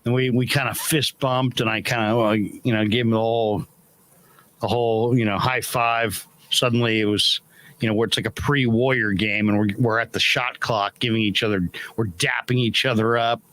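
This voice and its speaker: A man's voice: on the low side, steady tone, normal speed, a bit bright. A middle-aged man hosting a casual chat over a video call, wisecracking and reading chat comments aloud. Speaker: host.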